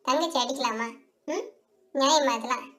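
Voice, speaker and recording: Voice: high-pitched, normal speed, fairly bright tone. A female performer voicing a stern mother doll who questions and lectures her daughters firmly in a doll story play. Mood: lecturing. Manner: firm, demanding, lecturing.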